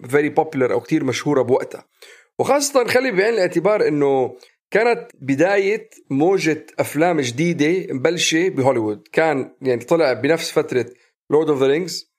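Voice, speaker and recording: A man with a somewhat high-pitched voice talks very quickly in Levantine Arabic. He keeps switching into English words and phrases mid-sentence. The delivery is that of casual, conversational discussion.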